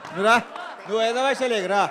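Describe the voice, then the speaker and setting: A man's voice: high voice, sharp tone, some chatter behind. A man bantering and teasing others on stage at a live event. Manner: teasing, quick interjections.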